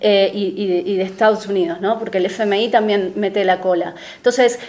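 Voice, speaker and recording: A woman from Argentina, giving a political talk to an audience. She speaks analytically and measuredly, pausing often with hesitation fillers. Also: medium pitch, fairly even intonation, a little mellow.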